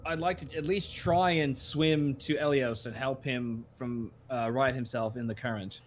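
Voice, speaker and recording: A man's voice: mid-range voice, unhurried, slight background noise. A man playing in a live tabletop game, talking in an easygoing, casual way. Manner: easygoing, bursts into excited laughter. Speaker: player.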